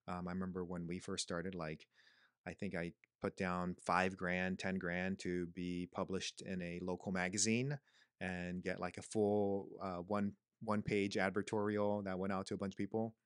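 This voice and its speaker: A man in his thirties co-hosting a podcast, explaining costs in a relaxed, casual way and listing points with fillers. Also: low-pitched, clean tone, no room sound, studio quality. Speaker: podcast co-host, clinic owner. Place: small quiet room, indoors. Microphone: studio mic on stand, headphones.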